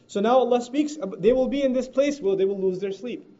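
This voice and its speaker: A man teaching the Quran, explaining Arabic grammar in English and reciting verses quickly. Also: very high-pitched, warm tone. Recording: dull lo-fi recording.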